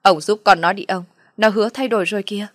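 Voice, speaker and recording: A woman voicing a bitter older mother-in-law who loudly blames and scolds. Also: fairly even intonation, quick pace, no room sound, clean studio sound, natural voice. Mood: pleading. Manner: shrill loud scolding, accusing.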